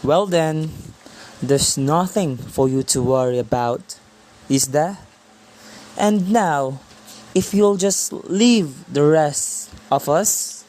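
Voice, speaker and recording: A woman acting as a curt police desk officer in a radio drama. The voice is lowish and mellow, with very slow, dismissive delivery.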